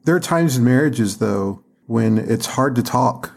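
A man's voice: mid-range voice, expressive, a little slow, vocal fry, darkish tone. A man hosting a faith podcast, asking thoughtful questions and affirming his guest. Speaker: podcast host. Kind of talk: interviewing on faith and marriage.

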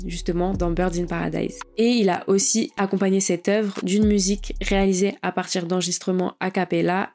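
A woman's voice: medium pitch, a little mellow. A woman hosting a podcast, talking casually and with slang about digital art. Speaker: podcast host.

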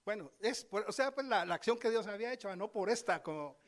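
A male preacher giving a sermon, telling scripture stories with lively asides and speaking straight to his congregation. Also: high-pitched, fast talker. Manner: lively storytelling, acts out scripture voices; addresses congregation directly, conversational asides.

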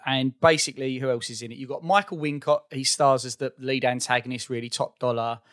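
A man in his forties with an Essex accent, chatting casually about film in an informal, fairly monotone way. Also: medium pitch, brisk, dry recording, studio quality. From Essex, England. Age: 40s. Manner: self-described monotone, informal.

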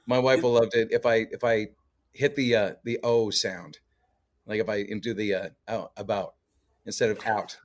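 A man's voice: fairly low pitch, steady tone, normal speed. A man who grew up in Canada, a guest musician chatting easygoingly with fillers and frequent laughs. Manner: easygoing, laughs often, many fillers and restarts. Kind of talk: casual interview chat.

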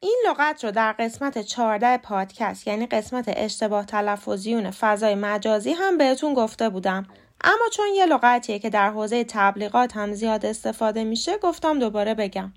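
A woman who hosts a podcast and teaches English pronunciation, speaking clearly and in measured steps, spelling words out letter by letter. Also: on the high side, animated. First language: Persian. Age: adult with a young son. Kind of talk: short scripted lesson.

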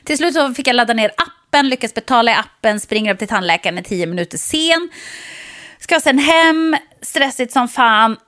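A woman co-hosting a podcast in casual chat, telling stories with lively acted-out quotes. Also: fairly high pitch. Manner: animated storytelling, acts out quotes loudly. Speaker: podcast co-host. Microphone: podcast microphone.

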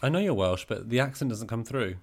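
Calm, clear-voiced male co-host. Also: medium pitch, fairly quick. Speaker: podcast co-host. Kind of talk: casual chat.

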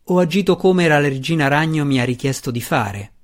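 Smug, mocking dark elf matron, read by a man. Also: on the high side, normal speed, lightly acted. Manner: amused and relaxed, half laughing. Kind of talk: audiobook reading.

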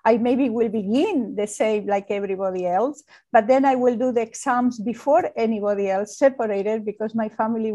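This interview guest, an architect from Spain, speaks with a Spanish accent in a voice on the high side with a dark tone. She often gropes for words and laughs frequently throughout the conversation.

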